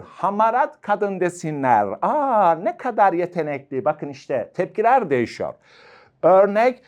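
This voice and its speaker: A man's voice: fairly high pitch, darkish tone. A man teaching an exam-prep lecture, asking and answering his own questions with jokey asides.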